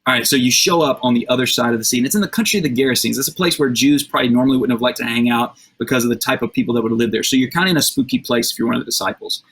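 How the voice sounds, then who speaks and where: A man's voice: mid-range voice, racing, few pauses, fairly bright tone, husky. A man preaching a streamed sermon, retelling a scripture story conversationally with vivid asides and rhetorical questions. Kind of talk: livestreamed sermon.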